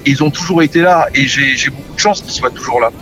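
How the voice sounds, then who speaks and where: A middle-aged male musician, appearing as a guest, chats easily about his career and family, frequently tripping over and repeating words. He talks fast in a mid-range, fairly bright voice, and the audio is poor, with music in the background.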